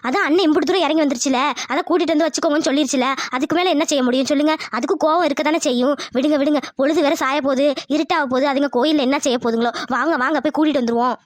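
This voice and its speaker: A woman's voice: high-pitched, no room sound, lightly acted. A woman voicing a bossy middle-aged aunt in a cartoon. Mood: persuasive. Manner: brisk, persuasive. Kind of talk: cartoon voice acting.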